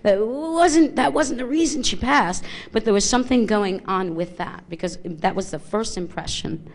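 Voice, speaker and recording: A woman's voice: medium pitch, moderate pace, a little hiss or hum. A woman working as a psychic medium before a live audience, speaking into a handheld microphone in a small theater, thinking aloud with many restarts.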